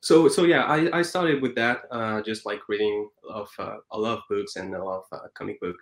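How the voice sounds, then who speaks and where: Brief: thirties man, French accent, lowish voice, halting and filler-heavy, roomy echo. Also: fairly even intonation. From France. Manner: hesitant, many fillers and restarts. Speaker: guest animator. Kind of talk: casual interview chat.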